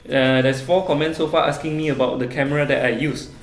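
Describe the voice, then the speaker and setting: A man's voice: mid-range voice, fairly even intonation, quick pace. Young Malaysian male vlogger, chatty Q&A delivery, mid voice, roomy sound. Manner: friendly, chatty, reads out viewer questions. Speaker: travel vlogger. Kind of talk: casual Q&A vlog talk. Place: small office room.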